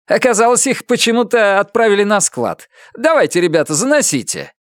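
Man putting on a nervous realtor, hemming and mumbling, raised pitch, lively swings, dry close sound. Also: brisk, no echo. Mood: relieved. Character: flustered, evasive middle-aged male realtor.

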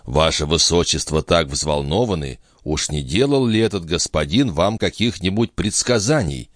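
A man reading an audiobook, voicing a grave, formal older cardinal in a low, quiet voice. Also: lively intonation, normal speed, dry recording, studio quality.

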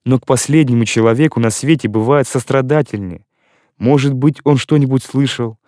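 In a studio-quality recording with no room sound, a man gives a heartbroken young girl a voice as she pleads and protests through tears. The audiobook reading is distraught and breathless, his mid-range voice mellow and natural at a moderate pace.

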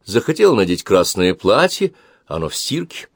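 A man's voice: sits low, very animated, moderate pace, husky, dry recording, clean studio sound, full character voice. A man reading aloud and voicing an indignant young mother who scolds her husband. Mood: exasperated. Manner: exasperated, scolding.

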